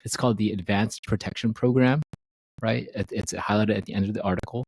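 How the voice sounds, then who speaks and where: A man's voice: lowish voice, fairly even intonation, a little fast, gravelly, darkish tone, slightly rough, no echo, poor audio. A man co-hosting a podcast, explaining things in an easygoing, casual way. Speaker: co-host.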